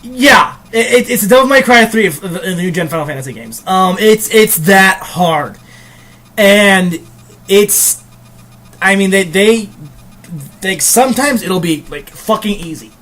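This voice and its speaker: A man's voice: high-pitched, animated, a little slow, a bit bright. A man reviewing a video game in casual chat, rambling with many hesitations and casual swearing.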